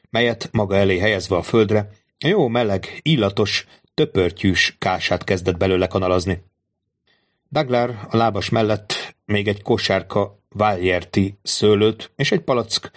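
A male narrator reads a classic novel aloud in steady, measured storytelling. His voice sits somewhat low. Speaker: audiobook narrator. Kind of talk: scripted literary narration.

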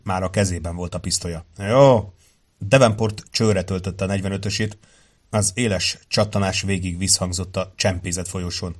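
A man reading a crime novel aloud in a measured way, acting out the dialogue. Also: sits low, steady tone. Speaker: audiobook reader. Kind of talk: scripted narration of a crime novel.

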